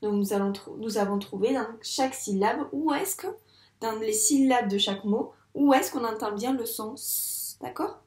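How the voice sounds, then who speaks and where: A woman teaching a reading lesson to young children in a patient, encouraging way, sounding out words slowly at the board. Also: fairly high pitch, darkish tone, echoey room. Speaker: primary school teacher. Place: classroom with a board.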